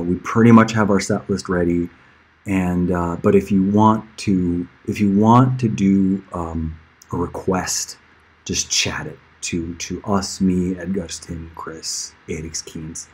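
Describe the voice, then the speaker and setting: A middle-aged musician livestreaming to friends and fans speaks in a low, husky voice over poor audio. His talk is casual and rambling, easily sidetracked, with occasional chuckles.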